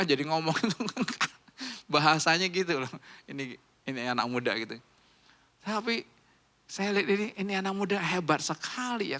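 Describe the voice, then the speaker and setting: A middle-aged man preaching a sermon as pastor, conversational and animated, with sudden loud rises in pitch and volume. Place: church hall.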